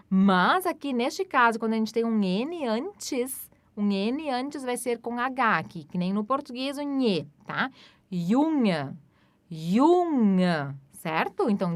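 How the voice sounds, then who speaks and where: Woman teaching german, says each phrase real slow then explains, bouncy tone. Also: fairly high pitch, a bit bright, dry recording. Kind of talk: language lesson.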